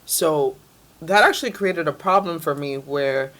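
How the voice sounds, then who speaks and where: A woman's voice: deep voice, unhurried, fairly bright tone. Chatty young woman guest. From Dominican Republic, raised in New York City. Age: young adult. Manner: chatty, many "like" fillers. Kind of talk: casual interview chat.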